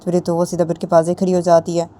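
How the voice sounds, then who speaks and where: Low, mellow-voiced woman telling a story. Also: completely flat delivery, fast talker. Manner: repetitive, plain storytelling. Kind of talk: casual story narration.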